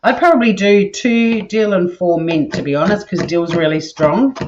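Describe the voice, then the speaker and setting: This Australian cooking-stream host has a lowish, somewhat mellow, nasal voice and speaks at a moderate pace as she chats with viewers in her kitchen. Kitchen clatter and slight background noise come through the dull audio.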